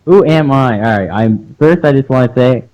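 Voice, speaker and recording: A relaxed young man joins the podcast over a call, his voice dull and muffled like it's coming through a phone held close. His tone sits mellow and soft-edged, talking at an unhurried, easygoing clip. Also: mid-range voice. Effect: muffled phone-call audio. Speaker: podcast co-host. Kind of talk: casual chat over a call.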